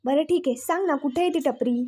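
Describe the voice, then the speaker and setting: A woman's voice: high voice, fairly quick, mellow, natural voice. A boastful, snappy rich young man, as a woman narrator reads his lines. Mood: bossy.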